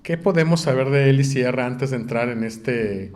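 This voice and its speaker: A man's voice: medium pitch, normal speed, a little mellow, a little hiss or hum. A man hosting a business podcast, welcoming guests formally and asking questions with frequent fillers. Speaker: podcast host.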